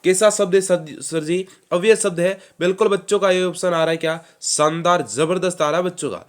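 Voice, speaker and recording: A man teaching an online exam-prep class, energetic, quizzing the students and answering his own questions with lots of praise. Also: sits high, a little fast. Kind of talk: live online quiz class.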